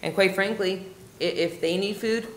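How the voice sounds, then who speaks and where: A woman's voice: mid-range voice, normal speed. A woman in her forties who founded a cat rescue group, speaking earnestly at a city council meeting with many fillers and restarts. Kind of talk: public comment at a council meeting. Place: council chamber. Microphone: desk microphone, camera at a distance. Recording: echoey council chamber, faint hum.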